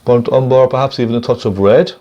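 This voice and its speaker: In a mid-range voice captured with dull audio, a man casually demonstrates a painting step by step. He's a gentle, encouraging instructor who thinks aloud unhurriedly as he works.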